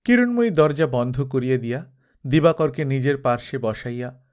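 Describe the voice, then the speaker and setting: A man narrates a classic novel as an audiobook, giving scripted literary narration with dramatic storytelling. His medium-pitched voice uses solemn, expressive, measured phrasing.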